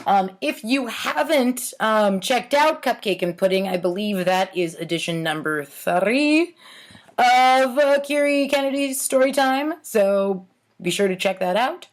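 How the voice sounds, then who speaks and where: Hosting a storytime series, an adult woman reads from her own childhood writing in a fairly high, expressive voice, taking her time. She delivers it tongue-in-cheek and adds casual asides along the way.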